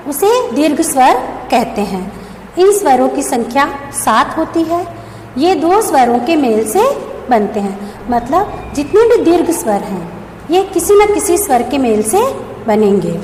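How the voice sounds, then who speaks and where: A woman teacher with a high, lively voice talks a class through a grammar lesson, posing questions and answering them herself. She is recorded in a roomy school space with a long echo. A faint hum sits behind her. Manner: explains step by step, asks and answers her own questions. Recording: echoey room with long reverb, faint background hum.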